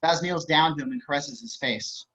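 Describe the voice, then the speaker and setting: This stage directions reader delivers screenplay action as narration on a video call, the sound a bit muffled. His somewhat high voice comes across pushed and bright, and his pace is moderate.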